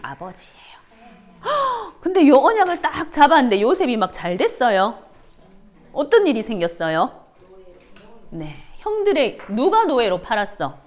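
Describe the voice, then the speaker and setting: Lively woman teaching children. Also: on the high side, normal speed. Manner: animated, asks children questions, gasps for effect. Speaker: Sunday school teacher. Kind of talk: children's sermon with questions to the kids.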